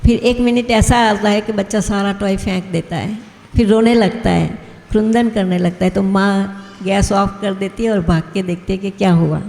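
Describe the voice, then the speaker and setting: A woman's voice: medium pitch, steady tone, moderate pace, gravelly, darkish tone. A woman giving a devotional talk to a gathering, telling anecdotes and chuckling as she goes. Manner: storytelling, chuckles often. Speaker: guest speaker at a devotional gathering. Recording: echoey hall with long reverb.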